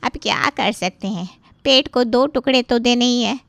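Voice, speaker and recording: A woman voicing the groom's greedy, loud, complaining aunt in a cartoon. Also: normal speed, vocal fry, dry recording. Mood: demanding. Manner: shrill, complaining, pushy. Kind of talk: cartoon voice acting.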